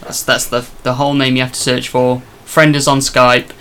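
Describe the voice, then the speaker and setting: A man's voice: mid-range voice, flat delivery, normal speed, sharp tone, slight background noise. A man from England co-hosting a podcast in casual, joking chat, leading the segments. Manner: joking, teasing, leads the segments. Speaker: podcast co-host.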